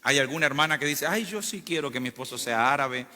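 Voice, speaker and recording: A man's voice: mid-range voice, lively intonation, fast talker, pushed and bright. A male pastor preaching a sermon, calling on the congregation to respond and repeat phrases. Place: church sanctuary. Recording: long hall reverb with faint music.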